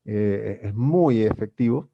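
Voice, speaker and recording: Low gravelly man teaching trading. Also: takes it slowly, dull audio. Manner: explanatory, addresses viewers formally, many fillers and restarts. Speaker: trading instructor. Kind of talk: screen-share tutorial.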